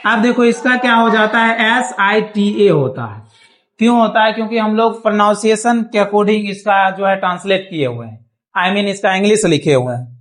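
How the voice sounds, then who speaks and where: A man's voice: high-pitched, moderate pace, a bit bright. Man teaching a class, patient and repetitive. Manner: patient, repeats checks like "thik hai?". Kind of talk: classroom lesson. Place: small classroom.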